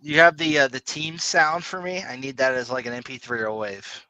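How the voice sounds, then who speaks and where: A man's voice: mid-range voice, fairly even intonation, normal speed, pushed and bright, no echo, rough recording. A man co-hosting a podcast in casual, rambling chat, laid-back and swearing now and then. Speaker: podcast co-host.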